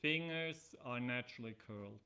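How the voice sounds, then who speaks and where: With a bright, forceful tone at medium pitch, a middle-aged yoga nidra teacher talks listeners through relaxation. He uses measured, deliberate phrasing and leaves pauses as he goes.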